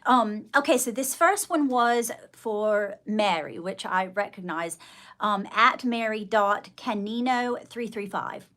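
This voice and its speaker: A woman's voice: mid-range voice, slow, sharp tone. A middle-aged woman hosting a casual livestream, chatting with viewers in an effusive, endearing way. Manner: effusive greetings and terms of endearment. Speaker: livestream host.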